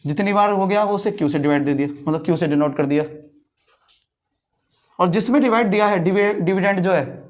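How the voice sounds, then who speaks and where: A man's voice: sits high, fairly quick, pauses often. A man with a Hindi accent teaching a math class, who keeps quizzing his students with repeated questions. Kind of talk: classroom lecture.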